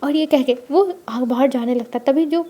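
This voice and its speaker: A woman storyteller with a high, mellow voice retells a story in a loose, chatty way. She adds quick clarifications as she goes and keeps an easy flow. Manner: informal retelling, filler phrases like "matlab". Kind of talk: storybook narration read aloud.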